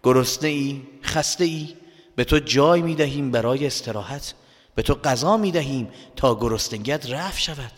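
A man voicing a gentle, generous grown man figure who welcomes a guest in a children's story. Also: mid-range voice, in a large hall, close to an everyday voice. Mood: kindly. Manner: calm, gentle. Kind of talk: storybook character voice.

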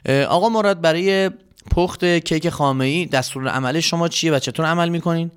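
A man's voice: a little high, clear, resonant tone. A man hosting a children's quiz show, patient and polite but flustered by his contestants. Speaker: quiz host.

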